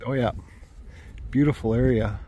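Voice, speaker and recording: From inside a car on the road, a man in a mid-range, dark-toned voice talks to his dash-mounted phone camera at a moderate pace. He chats casually about the road trip, wandering off topic, correcting himself and swearing now and then over a quiet engine hum.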